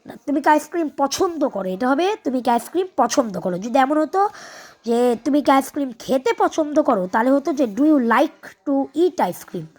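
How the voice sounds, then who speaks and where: A woman teaching a video lesson, explaining carefully with frequent hesitations and reading English lines slowly. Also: high-pitched, animated, darkish tone.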